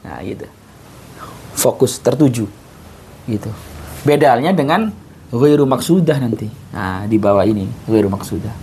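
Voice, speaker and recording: A man teaching grammar in a loose, conversational way, repeating key points and restarting half-finished words. His voice sits at an ordinary middle pitch, and a faint hiss runs underneath. He keeps nudging the listener along with casual classroom tags. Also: expressive, normal speed, mellow. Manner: patient, repetitive explaining, often breaks off mid-word and restarts; casual classroom talk with tags like "ayo" and "gitu". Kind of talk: informal recorded grammar lesson.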